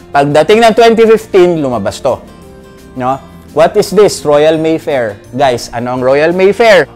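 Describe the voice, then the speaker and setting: A middle-aged man with a rather high voice rants about perfume reviewers, blunt and swearing freely. He switches between Tagalog and English and keeps asking "no?". Faint music plays behind him. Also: darkish tone. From Philippines. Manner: tags lines with "no?". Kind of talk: casual ranting review.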